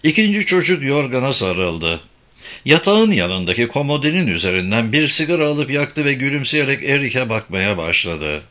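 A man narrating a novel as an audiobook with expressive, animated reading. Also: mid-range voice, normal speed. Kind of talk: scripted narration.

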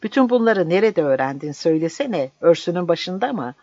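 An audiobook reader playing a proud old village landowner, scornful and quick to anger, on a dull, dry recording. The voice snaps with contempt. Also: mid-range voice, very animated, a little mellow, no room sound. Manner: scornful, snapping.

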